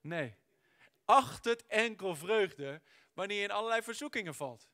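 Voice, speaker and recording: High, bright-voiced male preacher. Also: expressive, measured pace. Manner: emphatic, mixes in English words, rises to near shouting. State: sore throat. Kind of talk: sermon. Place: church.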